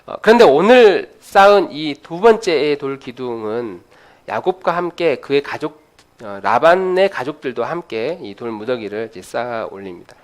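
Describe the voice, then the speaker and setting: A man preaching a sermon, retelling a story in an animated, conversational way with frequent filler sounds. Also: medium pitch, moderate pace. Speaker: pastor.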